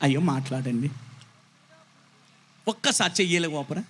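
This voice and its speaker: A man's voice: on the high side, expressive, normal speed, a bit bright, breathy edge. A man with a Telugu accent, preaching a sermon at an evening gospel meeting, emphatic and often calling on the crowd to respond. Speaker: pastor.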